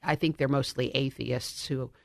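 A man's voice: medium pitch, level tone, normal speed, gravelly, dry recording, studio quality. A man hosting a radio interview, affirming his guest and encouraging listeners. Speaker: radio show host.

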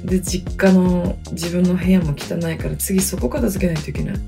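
A woman around thirty from Hokkaido, hosting her own podcast with chatty, self-deprecating solo talk, speaking quietly from inside a closet. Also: on the low side, steady tone, moderate pace, gravelly, over music. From Hokkaido, Japan. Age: 30s. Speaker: podcast host. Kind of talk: casual solo podcast chat. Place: inside a closet in a wooden apartment studio. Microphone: computer mic in closet.

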